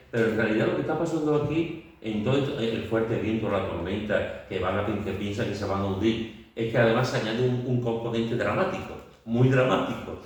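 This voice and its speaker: A man leading a Bible study, telling the story vividly with many fillers and restarts. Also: mid-range voice. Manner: vivid storytelling, acting out scenes with shouts and sound words. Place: church meeting room. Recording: very echoey room, mic far off.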